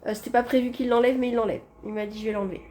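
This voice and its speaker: A woman's voice: a little high, steady tone, racing, darkish tone, a little hiss or hum. A woman vlogging casually from a hospital room, chatting directly to her viewers on a handheld phone. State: tired after anesthesia. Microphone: phone held in hand.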